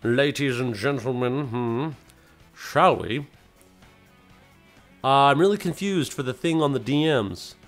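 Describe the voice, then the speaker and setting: Man, stream host, casual playful chat, mid pitch, faint music behind. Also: slow, pauses often. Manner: loose and playful, talks to chat, slips into silly voices. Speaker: livestream host.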